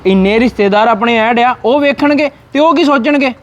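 A man's voice: extremely high pitch, fairly quick, highs cut off. A young man playing a strict younger brother who lectures his sister about what she wears. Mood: lecturing. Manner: lecturing, firm. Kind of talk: family short-film acting.

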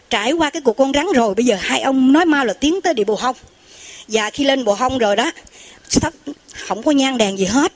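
High-voiced woman storyteller. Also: dry recording. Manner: addresses listeners directly, lively retelling. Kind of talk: oral storytelling of religious miracle tales.

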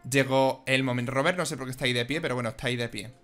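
A man giving casual, excitable and emotional commentary on a life-simulation game. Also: mid-range voice, rapid-fire, faint music behind. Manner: excitable and emotional, exclaims and giggles. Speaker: gaming video host.

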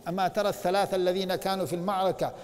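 A male professor delivers a religious lecture in an earnest teaching manner, stopping often to put rhetorical questions to his listeners. His voice sits fairly high, and he moves between formal phrasing and everyday speech. Each word trails off into the long echo of a large mosque hall. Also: level tone, racing. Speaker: university professor lecturing on the Prophet's biography.

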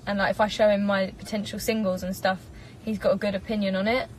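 Talking fast with a flat delivery and a mid-range voice, a twenty-something English singer reads live-stream comments from her parked car into a propped-up phone. She's chatty, bubbly and giggly. Slight background noise runs through a rough recording.

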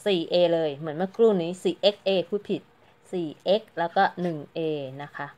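A woman's voice: fairly low pitch, a little fast, darkish tone. A woman giving a casual, chatty crochet tutorial, counting stitches aloud and explaining each step politely. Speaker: crochet teacher.

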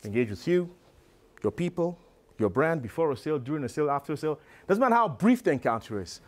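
A middle-aged man giving a motivational business talk to a live audience, telling a story in a lively, conversational way. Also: on the high side, quick pace. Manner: animated, conversational storyteller with frequent "you know". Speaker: business speaker. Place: live presentation before an audience.

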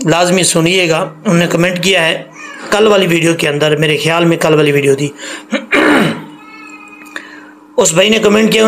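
Man, gravelly slightly high voice, online recitation teacher, patient repeated explanations, drawn-out demonstrated syllables, faint background hiss. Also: fairly bright tone.

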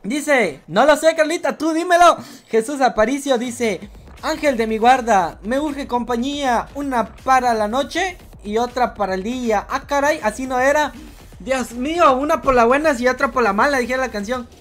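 A woman's voice: sits high, normal speed. A woman from Guatemala with a Guatemalan Spanish accent, hosting a livestream and reading viewers' jokes aloud in a playful, teasing way, always calling people "bro". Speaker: livestream host.

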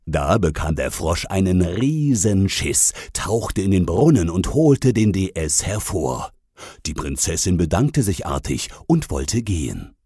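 Low husky guy reading a goofy fairy tale, dry sound, very lively pitch. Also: a little slow, dry recording. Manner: mocking, sarcastic. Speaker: storyteller. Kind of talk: comic fairy-tale narration.

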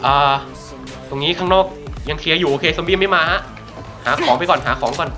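A man streaming a zombie shooter game, reacting fast and excitedly and repeating his words, with swearing now and then. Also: a little high. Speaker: gaming streamer. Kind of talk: excited live commentary while playing. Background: game music and gunfire.

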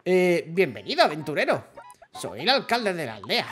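A man's voice: wildly swooping pitch, normal speed, fairly bright tone, faint music behind. A man doing a timid village mayor. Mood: awkward. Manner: lowered, hesitant voice. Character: insecure village mayor, mild and awkward.

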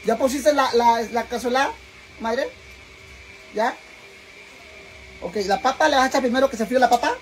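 A man's voice: extremely high pitch, moderate pace, long pauses, soft background music. A man with a Mexican accent talking in a casual cooking vlog. He is dramatic and chatty, swears freely, and keeps calling his viewers sisters. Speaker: vlogger.

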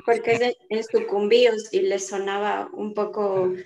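A woman's voice: mid-range voice, level tone, moderate pace, darkish tone, echoey room, low-quality recording. A woman, a student in an online class who asks a thoughtful, hesitant question over a video call.

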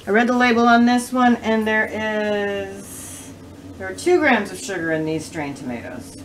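A middle-aged woman hosts a home cooking show from her kitchen, chatting casually through each step as she cooks. Her medium-pitched voice is animated but unhurried. A camera mic a few feet away catches kitchen clatter and a slight hiss or hum.

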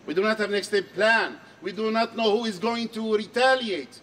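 A middle-aged man from Syria giving an earnest, measured speech at an outdoor protest, repeating key phrases for emphasis. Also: sits high, sharp tone, distant mic, a little hiss or hum. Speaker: archbishop speaking at a rally. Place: outdoor square under trees. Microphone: handheld mic on a stand.

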